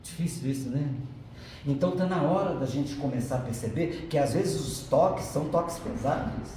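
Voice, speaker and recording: A middle-aged man gives a spiritist lecture, talking in a chatty, playful way that slips between earnest teaching and little jokes. His voice sits fairly high for a man. He is picked up from a distance in a booming, echoey hall, with a faint hum underneath. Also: moderate pace, mellow. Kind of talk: spiritist lecture with joking asides. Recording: echoey hall from far off, faint background noise.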